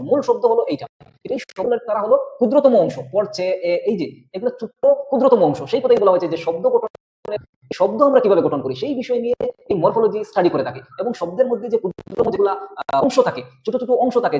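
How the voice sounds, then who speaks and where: A man's voice: sits high, a little mellow. A male teacher giving an exam-prep lecture, explaining step by step and often checking in with the listener. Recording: dull lo-fi audio.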